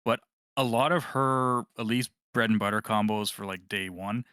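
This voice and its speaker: A man chatting casually on a gaming podcast, his voice low-ish but bright and crisp. He rambles, restarts and laughs at his own mistakes. The sound is dry and close. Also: normal speed, no room sound. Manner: rambling, self-correcting, laughs at himself. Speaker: podcast co-host.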